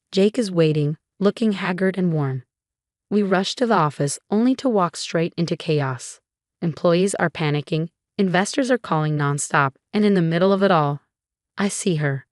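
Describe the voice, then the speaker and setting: A woman narrating a dramatic first-person story in a scripted, measured way. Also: on the low side, dry recording, clean studio sound.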